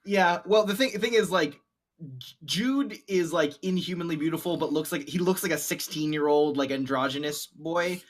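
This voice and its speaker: A man playing a tabletop game, chatting quickly and laughing often. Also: fairly high pitch. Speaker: player. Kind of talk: casual chat.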